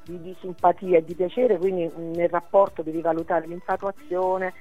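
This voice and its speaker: A hoarse woman comedian talking by phone on a radio show, chatty and joking. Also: on the low side, little pitch movement, normal speed, highs cut off, soft background music. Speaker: comedian guest.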